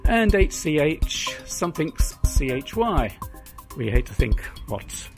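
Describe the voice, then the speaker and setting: A man's voice: a little high, sing-song, slow pace, soft background music. A British man in his sixties, narrating a travel vlog outdoors at arm's length with dry, wry asides. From Britain. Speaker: travel vlogger. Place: outdoors at historic sites and in a car. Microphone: camera held at arm's length.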